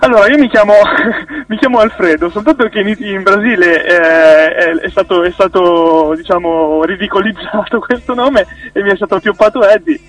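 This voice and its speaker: A man's voice: high-pitched, moderate pace, hardly any pauses, distant mic, rough recording. A man, a musician guest in a casual radio interview, who talks hesitantly with many restarts and easy laughs.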